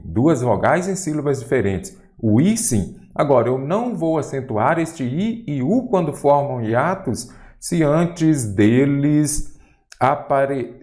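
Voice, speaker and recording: Speaking with a Brazilian Portuguese accent and a mid-range voice, a man teaches grammar for exam preparation. His delivery is didactic and lively, and he addresses the viewer directly, posing questions along the way.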